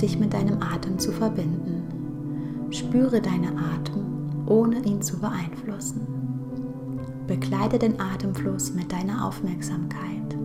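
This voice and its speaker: A woman guiding a meditation in a soft, hushed, breathy voice, speaking slowly and calmly with long pauses. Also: mid-range voice. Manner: slow, calm, pausing, breathy soft delivery in meditation. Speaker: podcast host and meditation guide. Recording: music bed under the voice. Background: background music.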